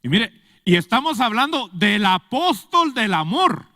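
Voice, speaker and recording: A male pastor delivers a fiery sermon in a high, bright voice that swoops up and down. He keeps pressing his listeners with questions, and his words ring out with a long church reverb. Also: very animated, measured pace, studio quality. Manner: emphatic, rhetorical questions to the congregation.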